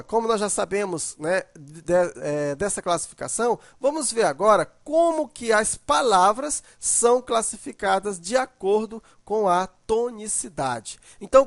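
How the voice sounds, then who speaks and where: A man's voice: sits high, no echo, clean studio sound. A man giving a grammar lesson, methodical and repeating examples, often checking in with his students. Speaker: teacher.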